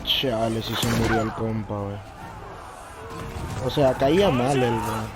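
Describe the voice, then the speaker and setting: A man's voice: mid-range voice, moderate pace, loud music behind the voice. A man with a Mexican Spanish accent giving casual, slangy commentary while playing a video game. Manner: slangy, informal. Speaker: gamer commenting on gameplay. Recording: noisy, loud game battle sound behind. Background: video game battle audio.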